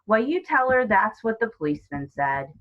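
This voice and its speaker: A gruff, jovial storybook policeman talks loudly and kindly down to a child, read out by a woman. He is patronizing and chummy and booms his words. The recording sounds dull and lo-fi. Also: sing-song, normal speed. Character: gruff, jovial grown man, a police officer.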